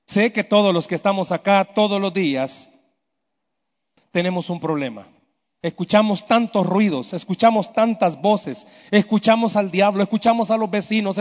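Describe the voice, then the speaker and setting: A man preaching a sermon in a church, emphatic, asking the congregation question after question. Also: high voice. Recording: dull sound with long hall reverb.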